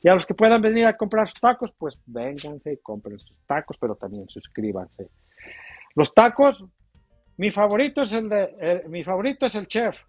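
A man's voice: high voice, big pitch swings, slightly rough, no echo, lo-fi sound, faint music behind. A man, a taco vendor chatting casually on a livestream and reading viewer comments, laughing often. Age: 40s. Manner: chatty, laughs often, drawn-out playful exclamations.

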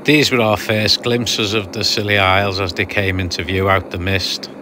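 A man with a somewhat low voice talks through a sailing passage in a relaxed voice-over. He explains things patiently and slips in dry jokes. A clear, steady hiss runs under the recording. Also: normal speed. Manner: chatty, explanatory, dry humour. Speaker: sailing vlogger narrating a passage.

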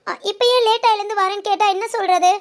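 A woman playing a timid, very high-voiced young bride. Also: fairly even intonation, fast talker. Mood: fearful. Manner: hesitant, tearful, soft-spoken. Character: shy anxious young newlywed wife. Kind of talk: romantic audio drama.

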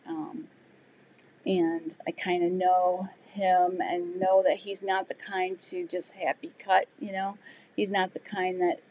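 Middle-aged woman host, easygoing live-stream chatter with viewers, lots of ums and restarts. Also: fairly low pitch. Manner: chatty, loose, many fillers and restarts. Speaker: sewing channel host. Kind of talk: live stream chat answering viewer comments.

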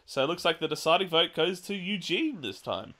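Male podcast host, lively pitch, bright tone, runs the round with quick laughs. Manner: laughs often, moderates the votes. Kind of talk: casual panel chat.

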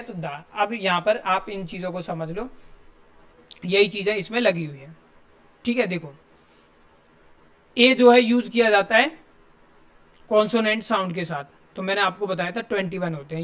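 A man's voice: high voice, fairly bright tone. A male teacher, giving a classroom grammar lesson and explaining step by step while asking his students questions.

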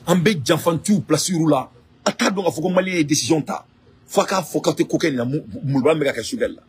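A man's voice: on the high side, a little fast, slight background noise. A man from Mali with a Malian French accent gives an impassioned political address, repeating phrases and asking rhetorical questions as he switches between French and Bambara. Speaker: political activist.

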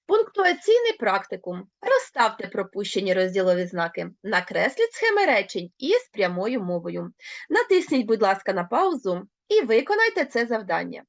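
A woman teacher with a Ukrainian accent explains a grammar lesson, speaking clearly and addressing her pupils directly. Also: mid-range voice, huge pitch swings, normal speed, no echo, muffled recording. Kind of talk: recorded online lesson.

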